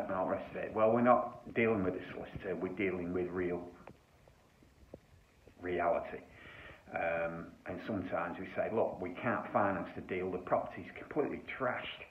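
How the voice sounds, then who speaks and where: A man giving an informal, blunt explainer to camera, speaking conversationally inside a bare, echoey house under renovation. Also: low voice. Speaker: property buyer answering questions on video. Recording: echoey bare room, muffled, faint noise.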